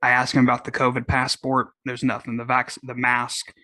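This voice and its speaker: A man's voice: mid-range voice, monotone, moderate pace, bright, forceful tone, no room sound. A man with a Southern US accent hosting his own podcast, rambling casually with many restarts and fillers. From Oklahoma. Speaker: podcast host. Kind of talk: casual solo podcast talk.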